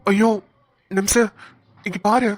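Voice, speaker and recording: Cartoon role: a woman playing a protective young policeman, steady mid-range voice, reassuring. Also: medium pitch, slow. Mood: caring. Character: caring young male police officer. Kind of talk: cartoon voice acting.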